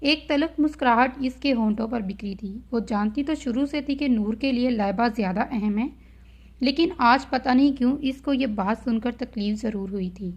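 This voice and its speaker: A woman hosting her channel and reading a romance novel aloud with expressive storytelling. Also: a little high, normal speed. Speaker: novel reader, channel host. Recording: dull lo-fi audio.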